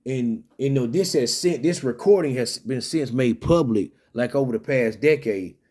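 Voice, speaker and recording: Male commentator, mid-pitched voice, loose rambling delivery with frequent restarts. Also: normal speed, a little mellow. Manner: rambling, many restarts and fillers. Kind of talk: casual solo commentary.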